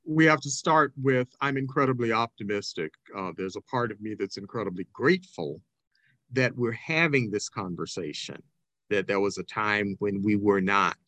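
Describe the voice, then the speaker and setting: A man answering as a podcast guest over a remote call, speaking in a measured, deliberate way and often quoting what others have said. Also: lowish voice, bright, forceful tone, no room sound.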